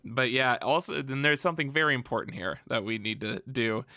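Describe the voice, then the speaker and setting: A man co-hosts a casual comic book podcast in a bright, forceful voice with a dry, close sound. He talks in an animated way, swears freely and laughs often. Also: medium pitch, brisk, no echo. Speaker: podcast co-host.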